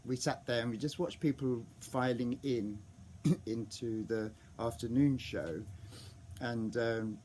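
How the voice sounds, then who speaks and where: A vlogger tells a casual story, rambling with lots of restarts and ums, and sometimes acts out the fan reactions he overheard. He has a medium-pitched, slightly mellow voice and takes it slowly, with a little hiss or hum in the recording.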